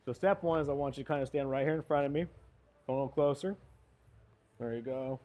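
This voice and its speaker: Fast yet mellow, a medium-pitched male voice guides a student through a hands-on golf lesson. He offers quick pointers and encouragement with each swing.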